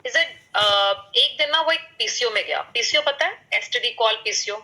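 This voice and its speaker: A woman's voice: a little high, expressive, normal speed, pushed and bright, poor audio. A woman, probably in her thirties, giving a motivational talk at a business meeting. She mixes Hindi and English, asks the audience questions and uses sound words and vivid examples.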